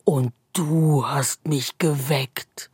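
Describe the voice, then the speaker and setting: A drowsy cave dragon from a storybook that grumbles slowly and softly, just woken from a long sleep, as a woman acts it out. The voice is husky and set in a dry, close space. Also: steady tone, no echo, exaggerated voice. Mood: grumpy. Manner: slow, low, drowsy growl.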